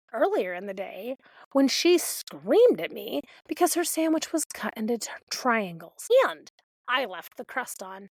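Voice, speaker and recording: Slow, sardonic woman podcast host. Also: a little high, dry recording. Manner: sardonic, swears freely. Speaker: parent of a toddler. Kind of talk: comedic monologue.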